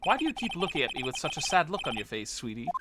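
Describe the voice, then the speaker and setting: A woman's voice: low-pitched, sing-song, quick pace, heavy background noise. A woman hamming up a vain, preening male circus magician. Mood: smug. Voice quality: drawling, preening and pompous, calls people sweetie. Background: game music.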